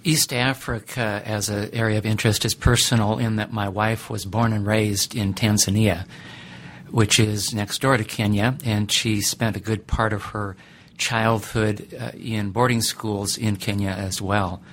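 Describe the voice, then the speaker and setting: A middle-aged man who teaches ethics, answering interview questions in a thoughtful, deliberate way with many pauses. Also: lowish voice, little pitch movement, a bit bright, slight background noise.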